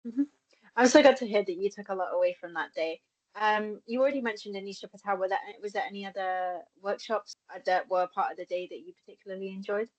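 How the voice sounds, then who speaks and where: Young woman interviewer, medium pitch. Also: fast talker, low-quality recording. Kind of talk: conversational interview hosting.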